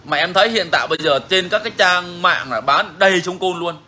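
A man's voice: high voice, a little fast, bright, forceful tone, a little hiss or hum. A man hosting a bird-keeping channel, talking casually and frankly to viewers, repeating himself often. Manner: frank, repetitive, chatty.

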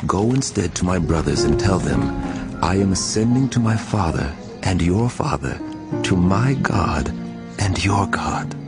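An actor playing a calm, gentle risen teacher in a dramatized scripture reading, speaking slowly and solemnly. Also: male voice, low-pitched. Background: loud music score.

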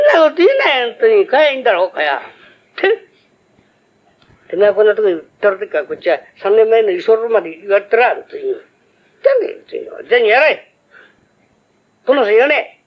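An older man voicing a gruff, bossy townsman who barks brusque orders in rough street talk. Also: high voice. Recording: old lo-fi recording.

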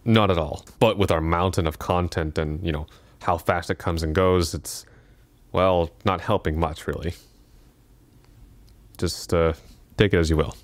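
Man, low voice, video essay narration, casual asides, dry close sound. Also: steady tone, a little slow, long pauses, dry recording. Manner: casual and conversational, with asides and self-corrections.

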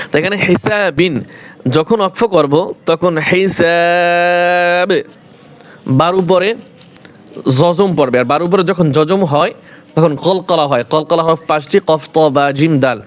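A man teaching the rules for reading the Quran, asking questions and answering them himself, and repeating each word slowly. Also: on the high side, lo-fi sound. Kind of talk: explaining rules to viewers.

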